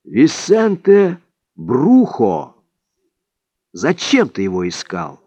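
Man doing an exasperated old male sage; raised pitch, slow emphatic delivery, wide swings. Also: animated, darkish tone, dry recording. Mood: scolding. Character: stern old male Indian sage, scolding.

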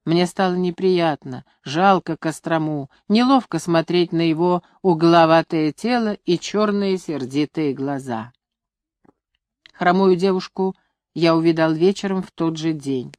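Woman audiobook narrator, low voice, measured literary reading, dry close recording. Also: darkish tone, dry recording.

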